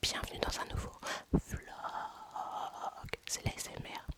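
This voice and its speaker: A woman doing a playful whispered role-play, parodying an ASMR host in a hushed voice. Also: measured pace, close to an everyday voice. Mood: teasing.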